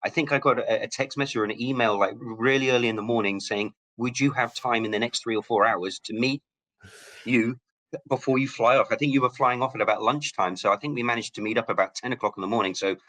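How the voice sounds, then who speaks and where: A man's voice: mid-range voice, pushed and bright. A man from Hong Kong, a guest telling stories in a casual interview, often restarting his words. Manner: rapid, with frequent word restarts. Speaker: guest, local relic hunter.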